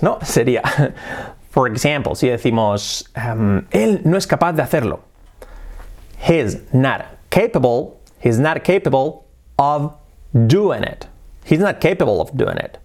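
Lively man teaching English. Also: fairly high pitch. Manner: explanatory, repeats examples slowly, lively intonation. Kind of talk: casual video lesson.

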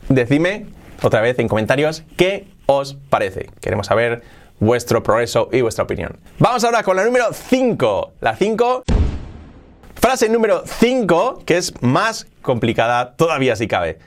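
A man from Spain with a Spanish accent, teaching English pronunciation in a lively online lesson and drilling phrases over and over. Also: medium pitch, moderate pace.

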